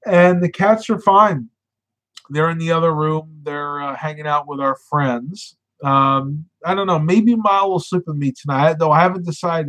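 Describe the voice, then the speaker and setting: A man with a voice on the high side hosts a casual live stream, chatting and reading viewer comments with lots of filler words. He sounds congested, as though he's losing his voice.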